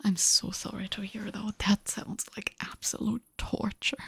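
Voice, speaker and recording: Sleepy, breathy young woman murmuring softly. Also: medium pitch, little pitch movement, measured pace, no echo. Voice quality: soft, breathy, often whispered. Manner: sleepy, just woken up. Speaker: livestream host. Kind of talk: casual chat in a soft ASMR whisper.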